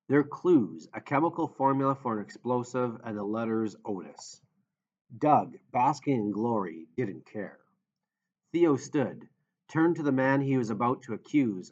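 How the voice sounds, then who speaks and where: A man reading an audiobook in a steady, measured narration. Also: medium pitch. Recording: dull lo-fi audio.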